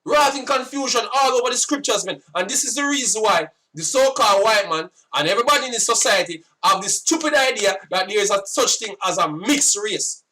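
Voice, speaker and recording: A Jamaican man giving casual sitdown commentary on scripture, forceful and scolding, often repeating himself. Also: high-pitched, lively intonation, a little fast, hardly any pauses, recorded from a distance. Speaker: religious commentator.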